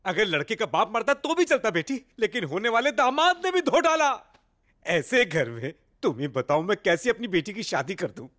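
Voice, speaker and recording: A man's voice: high-pitched, big pitch swings, moderate pace. A blustering sarcastic father. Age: middle-aged. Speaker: disapproving father. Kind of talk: Hindi film dubbing. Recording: dubbed dialogue over loud film music.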